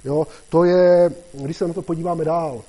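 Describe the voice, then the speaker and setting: A man preaching a casual, conversational sermon, often checking in with his listeners and getting louder and higher when he reads scripture. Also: steady tone, low-quality recording. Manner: conversational, constantly asks "jo?" and "že jo?"; rises in pitch and loudness when reading scripture.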